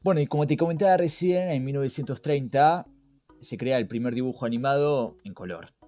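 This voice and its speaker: With music playing in the background, a man with an Argentine accent hosts a podcast in a conversational style and engages listeners through rhetorical questions. He has a medium-pitched, warm voice and talks a little fast.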